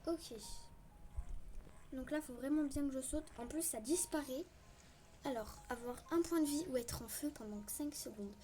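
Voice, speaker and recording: A woman's voice: high-pitched, moderate pace, long pauses, mellow. A young woman giving casual, rambling, self-mocking gameplay commentary as a gaming video host. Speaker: gaming youtuber.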